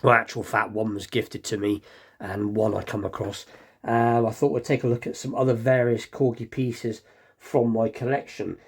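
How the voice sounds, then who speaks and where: A man's voice: fairly low pitch, level tone, normal speed, breathy edge. A man hosting a casual collector's show-and-tell, rambling and understated, lisping slightly as if he has just bitten his tongue. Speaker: host of a diecast toy collecting show.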